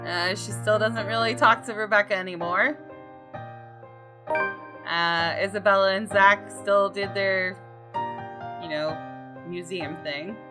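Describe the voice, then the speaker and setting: Taking things slowly and pausing often, a young woman with a mid-range voice and fairly even intonation chats informally with viewers of her gaming channel. During the let's play she gives casual commentary and reads some visual novel narration aloud while game music plays behind her.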